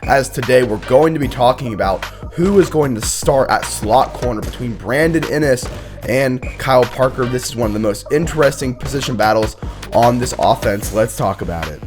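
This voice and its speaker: A young man hosts a casual college football show while sick, his voice hoarse and worn thin. He rambles, restarts sentences and stops to clear his throat, keeping his pitch in an ordinary middle range. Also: normal speed, music in the background. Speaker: host. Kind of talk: casual sports commentary.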